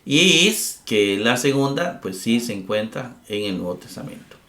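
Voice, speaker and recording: A middle-aged man teaching a recorded Greek grammar lesson, explaining patiently step by step, often checking with "¿verdad?" and pausing on "eh". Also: medium pitch, animated, bright, forceful tone, roomy sound.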